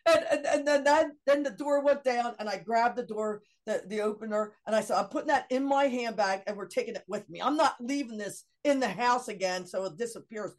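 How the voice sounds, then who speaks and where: Middle-aged woman guest, chatty and animated storyteller, laughing as she acts out her own lines. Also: on the high side, brisk, hardly any pauses. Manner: animated anecdote with laughs and quoted dialogue. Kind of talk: casual storytelling.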